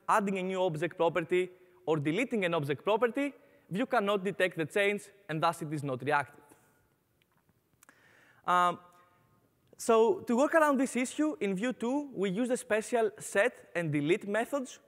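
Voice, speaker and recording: A young Greek man with a Greek accent speaks upbeat from a conference stage in a large hall, often filling pauses with "uh." His voice sits high with a fairly bright tone and a big-room sound.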